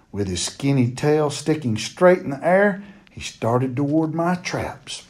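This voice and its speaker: A man reading a children's novel chapter aloud in a steady, plain storytelling manner. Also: on the high side.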